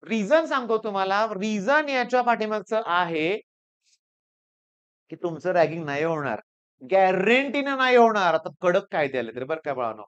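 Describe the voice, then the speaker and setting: A male teacher from Maharashtra giving advice to students through lively storytelling, acting out the people he quotes. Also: high voice, moderate pace, smooth, highs cut off. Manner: animated storytelling, acts out quoted students and seniors.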